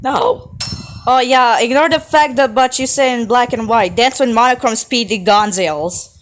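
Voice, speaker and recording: A woman's voice: a little high, normal speed, soft background music. A woman giving sarcastic roast commentary, snarky and full of swearing.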